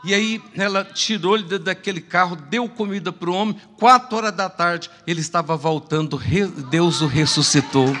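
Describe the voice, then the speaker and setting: A male pastor telling testimonies in a sermon, swinging from loud praise to hushed storytelling, in a church. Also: high-pitched, moderate pace, hardly any pauses. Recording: long church hall reverb.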